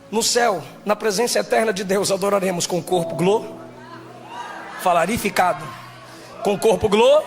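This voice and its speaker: A man, a pastor, preaching a sermon, shouting and half-singing his appeals and then telling stories quietly. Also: high voice, creaky. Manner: shouts and half-sings exhortations, then drops to quiet storytelling. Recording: music playing behind the voice.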